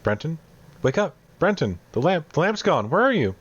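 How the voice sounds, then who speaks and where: A man puts on a terrified little child, calling out in frantic, high, pleading cries. The recording is muffled and lo-fi. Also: sing-song, normal speed, breathy edge. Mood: frightened. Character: frightened small child calling out in the dark.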